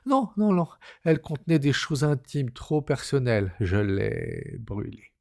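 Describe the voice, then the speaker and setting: A man's voice: medium pitch, sing-song, measured pace, vocal fry, darkish tone, no room sound, studio quality. A man reading aloud voices an anxious young woman who pleads and stammers on the edge of tears. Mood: pleading.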